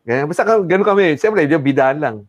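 Animated middle-aged man telling a story. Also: a little high, fast talker, a little hiss or hum. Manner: animated storyteller, switches between Tagalog and English. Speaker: interview guest. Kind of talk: storytelling in casual interview.

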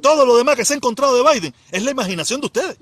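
A man's voice: very high-pitched, animated, rapid-fire, fairly bright tone, no room sound. A Cuban man hosting a livestream, arguing politics and repeatedly cutting in with "excuse me" to hold the floor. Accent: Cuban Spanish. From Cuba. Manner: keeps cutting in with repeated "permiso", argumentative. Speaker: livestream host. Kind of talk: heated political debate.

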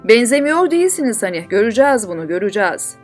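Lady putting on a strict judge man, grilling and sharp, kinda high voice. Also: big pitch swings, fast talker, soft background music. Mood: stern. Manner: sharp, questioning. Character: stern male court judge.

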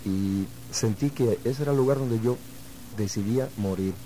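A man from Uruguay, a guest musician answering interview questions in a reflective, measured way. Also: fairly low pitch, mellow, slight background noise, low-quality recording.

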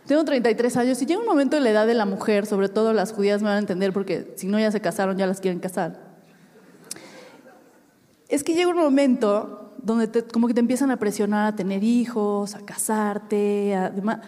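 On a comedy stage in a large hall, a woman in her thirties with a Mexican accent does live stand-up for an audience. Her voice is medium-pitched, fairly quick, and dark in tone. She's chatty, swears casually, and laughs at her own jokes.

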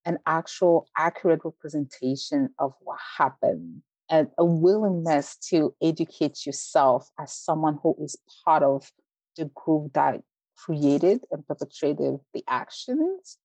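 Interview guest, woman, deep voice, measured and earnest. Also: expressive, dark tone, no room sound, low-quality recording. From Belgium. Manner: earnest, measured, frequent "like" fillers. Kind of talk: interview conversation.

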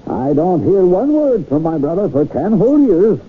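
A man's voice: high-pitched, very animated, normal speed. An actor playing a wry, suspicious elderly father, emphatic and musing, in an old-time radio mystery. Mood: wry, animated. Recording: muffled noisy old radio recording.

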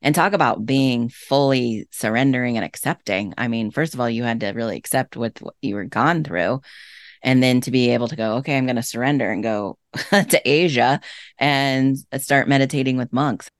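A woman's voice: rumbling low, moderate pace, no room sound, clean studio sound. A woman hosting a podcast interview, affirming her guest and asking questions with enthusiasm. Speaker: podcast host. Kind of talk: casual interview conversation.

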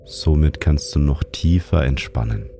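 A man narrates a guided sleep meditation in a soothing, calm manner, like a sleep-story narrator. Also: a bass voice, a little slow, vocal fry, faint music behind. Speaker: meditation guide and show host.

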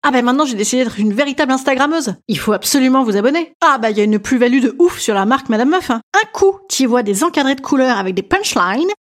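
A young woman hosting her own comedy episode, rattling through a self-mocking monologue at a quick clip. Her voice sits a little high, and she keeps dropping into little put-on voices for the jokes. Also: animated. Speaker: comedian host of a daily episode. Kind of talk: comic monologue to an audience.

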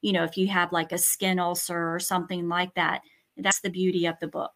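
A woman talking shop on a video call whose connection keeps breaking up, eager and quick to agree. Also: fairly low pitch, level tone, fairly bright tone. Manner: eager, agreeing, repeats words. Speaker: medical coding guest. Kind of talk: casual professional chat.

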